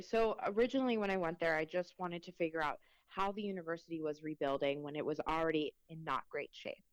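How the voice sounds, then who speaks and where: A young reporter from Mexico, a Spanish speaker with a Mexican accent, chats casually in an interview, peppering her words with "um" and "like." Her low voice is smooth, with no echo, though the recording quality is low.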